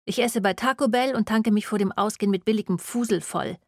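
A woman's voice: mid-range voice, a little fast, no echo, clean studio sound, pitched above the performer's own voice, lightly acted. A woman voicing a broke young student who whines and snaps back defensively. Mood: whiny. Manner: whiny, defensive.

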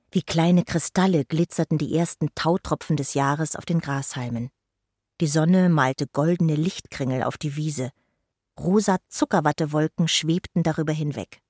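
A woman narrating a children's storybook with a gentle, expressive reading. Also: fairly low pitch, no room sound, clean studio sound.

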